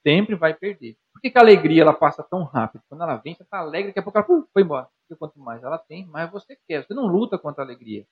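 A Brazilian male psychologist guest with a Brazilian Portuguese accent speaks in a husky, fairly high voice, rapidly and animatedly. He explains conversationally with examples, addressing the listener directly with rhetorical questions, on a dull lo-fi recording.

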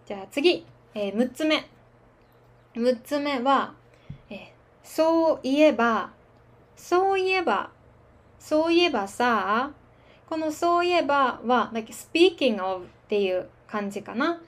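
A woman teaching Japanese filler words in a relaxed, chatty podcast lesson, laughing at her own fillers. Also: high-pitched, takes it slowly. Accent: standard Japanese. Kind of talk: slow casual language lesson.

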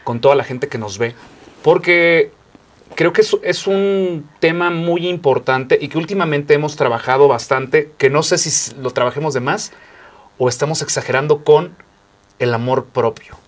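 A man hosting a casual interview, asking questions in a relaxed way with hesitant restarts. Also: on the high side, normal speed. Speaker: interview host.

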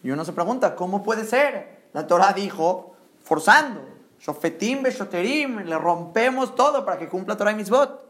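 A high-pitched man preaches a Torah sermon with rising emphasis. He drives his points home with rhetorical questions and sprinkles in Hebrew terms. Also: expressive, normal speed, a bit bright.

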